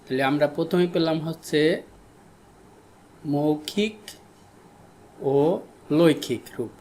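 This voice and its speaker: Slow, deliberate male teacher from Bangladesh. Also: on the high side, darkish tone, a little hiss or hum. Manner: slow, repeats key terms for students. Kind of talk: recorded classroom lesson.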